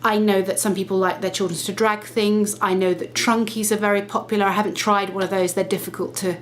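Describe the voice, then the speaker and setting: With a medium pitch and a flat delivery, a woman lifestyle vlogger talks casually to camera. A cold leaves her slightly nasal as she chats, corrects herself, and briskly explains things one step at a time.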